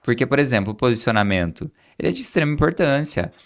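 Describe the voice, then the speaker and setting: A man's voice: mid-range voice, lively intonation, fast. A man hosting an interview podcast, a doctor explaining his work and acting out what patients and students tell him. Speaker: podcast host, aesthetics doctor. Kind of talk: conversational interview.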